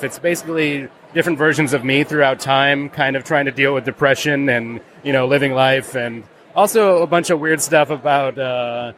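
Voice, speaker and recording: Brief: mid-pitched man, loose rambling talk, faint ambient noise behind. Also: a bit bright. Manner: rambling, lots of "like" and restarts. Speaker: comics creator. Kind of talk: casual interview answers.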